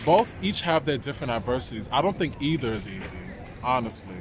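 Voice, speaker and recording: A man's voice: medium pitch, big pitch swings, fairly quick, over music. A man with a New York accent giving reflective, conversational answers in a casual street interview. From New York, United States. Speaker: interviewee, dancer and actor. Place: outdoors in a city park. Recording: outdoor city noise, passing traffic.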